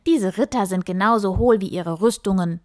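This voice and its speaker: A woman's voice: medium pitch, normal speed, no echo, studio quality, natural voice. A woman reading a storybook aloud and voicing a fed-up young princess who speaks indignantly and emphatically. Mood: scornful. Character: fed-up proud young princess, sharp-tongued.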